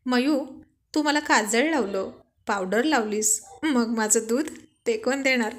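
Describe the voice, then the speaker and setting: A woman's voice: on the high side, measured pace, close to an everyday voice. A woman voicing a playful young husband who keeps teasing his wife in a storybook reading. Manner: teasing, jokey.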